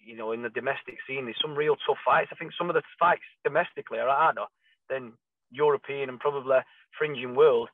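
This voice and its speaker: A man's voice: mid-range voice, fairly quick, no echo. A man, a boxing trainer, answering interview questions in an emphatic, conversational way over a thin, phone-like connection. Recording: thin phone-like call audio, dry.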